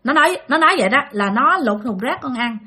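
A woman's voice: sits high, expressive, quick pace, sharp tone, breathy edge, heavily acted. A woman voicing a plaintive drowned boy's ghost. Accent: Southern Vietnamese. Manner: plaintive, complaining. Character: ghost of a drowned young boy, pleading.

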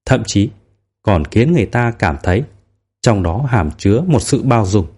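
A man narrates a novel as an audiobook, his voice somewhat low. He reads calmly and evenly, with steady control. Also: normal speed, breathy edge.

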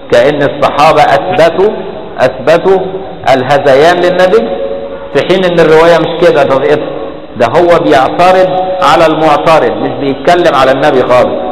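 A man with an Egyptian Arabic accent teaching a classical religious text in a colloquial lecture, often asking his listeners rhetorical questions to check they follow. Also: on the high side. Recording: echoey hall reverb, faint background noise.

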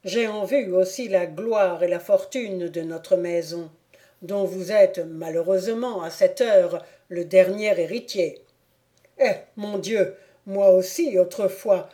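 A woman reading the part of a stern, persuasive older count speaking to his son in an audiobook, with measured, solemn delivery. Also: mid-range voice, warm tone, lightly acted.

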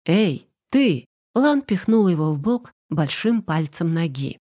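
Mellow, husky woman narrating. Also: fairly low pitch, expressive, a little slow. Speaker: audiobook narrator. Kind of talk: scripted narration.

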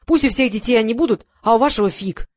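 A woman's voice: on the high side, fast talker, a little mellow, dry recording, clean studio sound, close to an everyday voice. A woman doing a brash, pushy shop girl. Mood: indignant. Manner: brash, pushy sales talk. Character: pushy young female toy shop saleswoman.

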